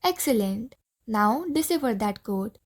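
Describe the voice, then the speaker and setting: A woman's voice: a little high, lively intonation, unhurried. A woman reading as a pompous Martian leader. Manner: pompous, alarmed, commanding. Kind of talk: audiobook play reading.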